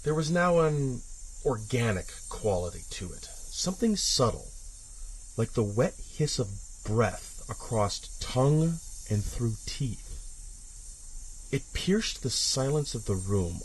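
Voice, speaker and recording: A rough recording captures a man's expressive, mid-range voice telling a horror story in the first person. His dramatic, suspenseful narration stays measured, alternating hushed passages with intense crescendos.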